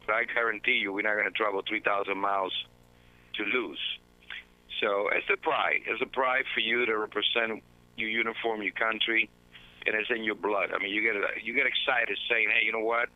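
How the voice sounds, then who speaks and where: Calling in from home for a phone interview, this guest is a baseball manager from the Dominican Republic whose line sounds tinny. He reflects earnestly in a storytelling manner, his voice on the low side with flat delivery at a moderate pace. There's no room sound.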